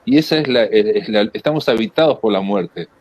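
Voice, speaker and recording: A man with a Rioplatense Spanish accent moderating a literary interview in a conversational, halting and discursive way, often rephrasing. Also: fairly low pitch, expressive, darkish tone, no room sound.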